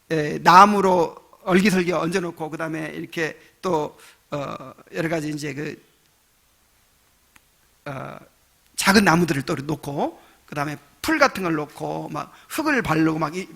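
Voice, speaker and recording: A male pastor preaching a sermon, telling the story with acted-out voices and building to emphatic shouts. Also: high voice, normal speed, creaky. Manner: animated storytelling preacher, acts out quoted voices, chuckles, rising to shouts.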